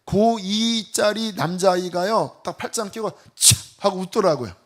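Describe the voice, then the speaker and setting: A man in middle age preaches from the pulpit with a fairly high voice. He tells stories animatedly, slipping into the voices of the people he quotes. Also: normal speed. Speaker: pastor. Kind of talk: sermon with personal testimony.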